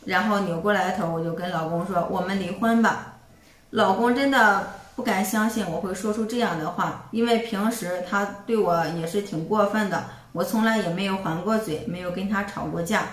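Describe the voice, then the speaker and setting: A woman's voice: mid-range voice, fairly quick, hardly any pauses, reverberant, distant mic. A young woman narrating her own story in the first person, in a plain, conversational way.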